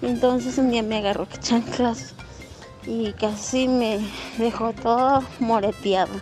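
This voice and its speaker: A woman's voice: a little high, fairly even intonation, unhurried, a little mellow, soft background music. A woman telling a childhood story in a matter-of-fact way.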